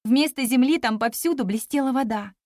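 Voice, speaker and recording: A woman narrating a children's story in an even, expressive reading voice. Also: fairly high pitch, fairly quick, no echo, studio quality. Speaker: audiobook narrator.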